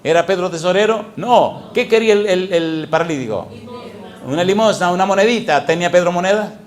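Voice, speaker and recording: Animated man preaching a sermon. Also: sits high, a little fast. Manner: animated, asks the congregation repeated questions. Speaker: pastor. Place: church sanctuary.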